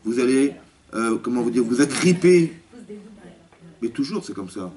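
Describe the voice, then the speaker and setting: A male rabbi giving a spoken religious lesson to a women's class, lively, often asking the listeners questions and acting out dialogue. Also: mid-range voice, normal speed. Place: community hall classroom. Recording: distant mic with faint background noise.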